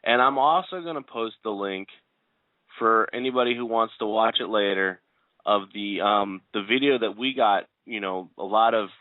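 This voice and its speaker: A man's voice: on the low side, normal speed, no echo. A man co-hosting a casual political talk radio show, talking hesitantly and hedging his claims. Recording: dry, tinny phone-like audio.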